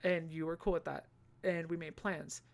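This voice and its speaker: Speaking at an ordinary pace with noticeable vocal fry, this young man vlogs in a high-pitched voice. His storytelling is casual and lively, peppered with swearing and cheeky side comments.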